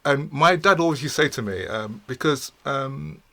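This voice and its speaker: A middle-aged man, a podcast guest telling his story in a studio with many pauses, fillers and repeated words. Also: medium pitch, pushed and bright. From England. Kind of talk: casual interview storytelling.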